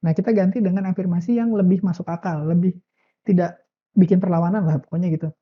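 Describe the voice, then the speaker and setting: A woman giving a relaxed, casual motivational talk, full of filler words and drawn-out "eee" hesitations. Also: lowish voice, slightly rough, highs cut off. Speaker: self-improvement speaker.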